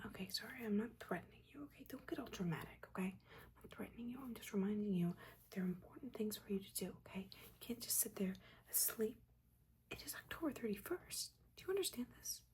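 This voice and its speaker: This woman whispers her way through an ASMR roleplay, soft-spoken and breathy at a medium pitch. She is a disappointed, stern witch mentor who nags but quietly cares, scolding in a halting, dryly exasperated way, with ambient noise audible behind her.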